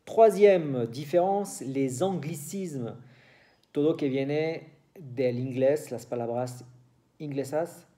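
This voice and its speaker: Slow, dark-voiced French teacher. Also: male voice, on the high side. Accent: French from France. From France. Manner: slow, explanatory, switching between French and Spanish. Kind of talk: language lesson for Spanish speakers.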